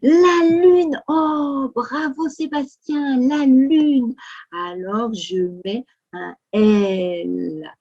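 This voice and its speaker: A woman with a French accent running a Sunday school lesson for young children. She speaks very slowly, with a breathy, slightly husky tone and a fairly high voice. Her delivery is full of exaggerated exclamations meant to keep little ones engaged. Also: steady tone, warm tone, muffled recording. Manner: slow, exaggerated storytelling for kids, full of exclamations.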